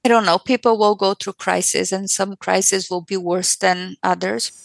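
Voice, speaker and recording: A woman's voice: medium pitch, steady tone, moderate pace, vocal fry, no echo, poor audio. Earnest woman speaking in an interview. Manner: earnest, repeats phrases for emphasis. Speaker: parent and interview guest. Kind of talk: conversational interview.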